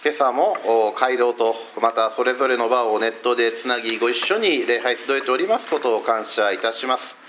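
A man's voice: medium pitch, moderate pace, few pauses, a little hiss or hum. A middle-aged male pastor from Fukuoka, giving a chatty sermon to a church service that is streamed online, with lots of filler sounds between phrases. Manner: warm, conversational preaching with frequent fillers.

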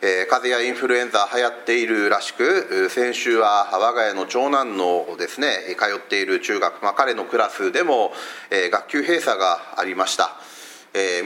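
A middle-aged male pastor from Fukuoka, giving a chatty sermon to a church service that is streamed online, with lots of filler sounds between phrases. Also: medium pitch. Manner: warm, conversational preaching with frequent fillers.

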